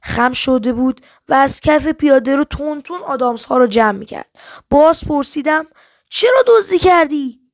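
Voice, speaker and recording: A woman hosting a book podcast, reading a children's detective story aloud and speaking to listeners in a friendly, expressive way. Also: high voice, no echo, clean studio sound. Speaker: podcast host and book reader.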